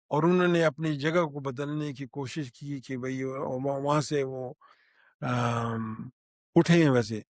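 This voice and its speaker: An older man tells what he saw in a halting spoken recollection, full of restarts and pauses. His voice sits fairly high for a man. The recording is close and dry, with no room sound. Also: darkish tone, dry recording. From Pakistan. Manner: halting, with many restarts and fillers. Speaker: eyewitness.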